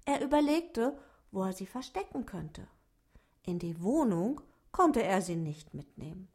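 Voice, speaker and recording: A woman reading a children's story aloud slowly and expressively, dropping to soft tones at times. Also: medium pitch, breathy edge. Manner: slow, expressive, soft passages.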